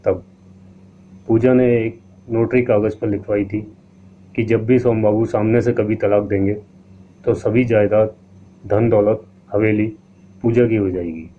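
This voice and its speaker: Male horror-story narrator; steady, low, phone-thin recording with faint hiss. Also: measured pace, pauses often. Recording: tinny lo-fi line with faint hiss.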